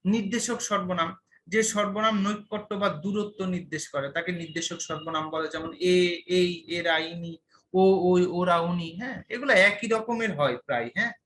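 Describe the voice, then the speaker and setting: A man's voice: high-pitched, moderate pace, fairly bright tone, slight background noise. A young man, teaching an online class and checking understanding with repeated questions.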